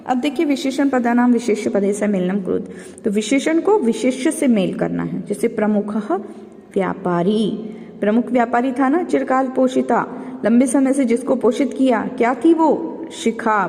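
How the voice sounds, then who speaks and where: A woman's voice: on the high side, gravelly, dark tone, long reverb tail. A woman teacher going through an exam revision lesson step by step, calling her pupils children and asking and answering her own questions. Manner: calls listeners children.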